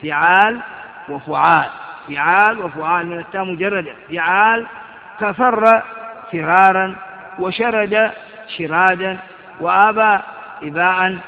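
A man's voice: high voice, a little slow, long pauses. A man teaching a grammar lesson, reciting word patterns and examples and asking his listeners questions. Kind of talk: Arabic grammar lesson explaining verbal noun patterns. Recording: dull recording with long hall reverb.

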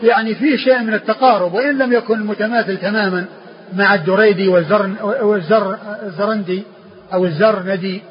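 Slow-explaining man teaching a classical text. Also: high-pitched, breathy edge. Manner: measured, repeats words, spells out letters. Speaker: teacher of hadith sciences. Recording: dull lo-fi recording with faint hiss.

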